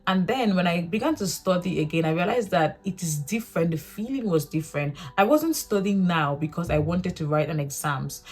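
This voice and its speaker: With a fairly low, slightly rough voice, a young vlogger from Africa reflects casually to camera. Her first language is a local one, and she speaks earnestly, rambling and correcting herself as she goes.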